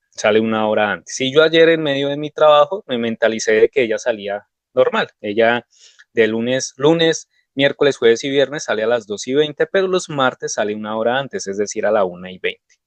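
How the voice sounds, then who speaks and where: A man's voice: medium pitch, normal speed, dry recording. A man giving a devotional sermon, telling personal stories in a conversational way. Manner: conversational, anecdotal storytelling.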